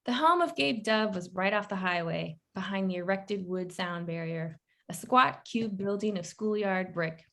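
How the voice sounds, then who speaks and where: A woman's voice: mid-range voice, moderate pace, vocal fry, few pauses, bright, forceful tone. Woman author reading her story aloud.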